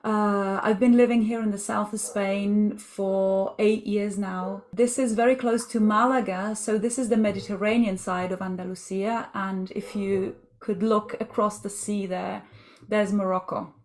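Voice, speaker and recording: A woman's voice: medium pitch, steady tone, unhurried. A woman from Switzerland, a community co-founder, enthusiastically presenting her home and garden on a video call.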